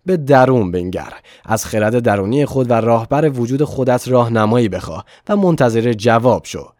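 A man narrating an audiobook in a measured, calm reading. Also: medium pitch, no room sound, clean studio sound. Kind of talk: scripted narration.

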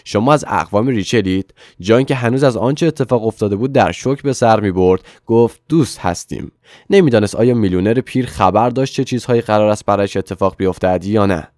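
A male narrator reads a novel aloud in a steady, even storytelling manner. His voice sits low and the recording is dry and close. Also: hardly any pauses, no room sound. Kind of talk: scripted audiobook narration.

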